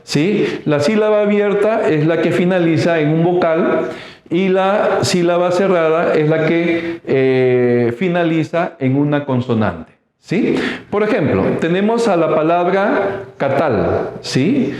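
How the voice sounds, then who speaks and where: A man teaching a recorded lesson, slow and halting, pausing often with fillers and checking in with his listeners. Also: a little high, animated, darkish tone. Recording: very echoey room.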